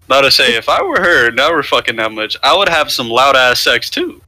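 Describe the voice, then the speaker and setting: A young man of about twenty with a very bright, sharp voice jokes around on a podcast. His pitch swings a lot. He is crude and mocking. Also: sing-song, fairly quick, no echo, poor audio. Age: young adult. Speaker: podcast co-host. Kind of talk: casual chat.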